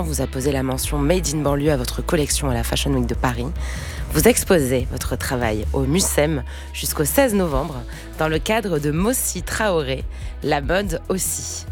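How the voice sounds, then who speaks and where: A woman hosts a radio talk show, introducing her guests in a measured, formal manner. Her voice sits low, and soft music plays faintly behind her. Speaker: radio host. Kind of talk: radio interview hosting.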